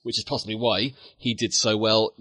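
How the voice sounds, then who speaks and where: A man's voice: on the low side, little pitch movement, normal speed, bright, forceful tone, husky, no room sound. A man co-hosting a casual film podcast, playful and joking. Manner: playful, jokes and puts on silly voices. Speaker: podcast co-host.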